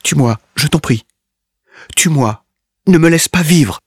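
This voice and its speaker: A terrified young captive woman pleads in desperation, her voice pushed high and loud, as a male reader puts her on. Underneath is a husky, dry male tone. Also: expressive, slow pace, no echo, full character voice. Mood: desperate.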